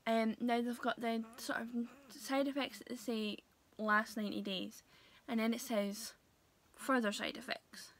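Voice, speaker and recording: A young woman talking casually to her viewers in a vlog, hesitant and full of pauses and fillers. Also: on the high side, steady tone, fairly bright tone. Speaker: vlogger. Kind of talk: casual vlog talk to camera.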